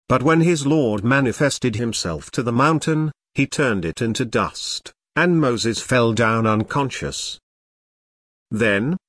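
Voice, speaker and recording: A man reading scripture in translation, delivering it solemnly in short, measured phrases. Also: mid-range voice, a bit bright, no room sound, clean studio sound. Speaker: scripture reader.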